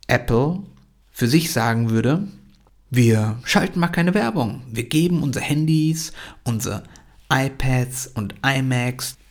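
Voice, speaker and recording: Energetic man giving a motivational talk. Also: mid-range voice. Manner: energetic, emphatic, mixes in English phrases. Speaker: motivational podcast host. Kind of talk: motivational monologue.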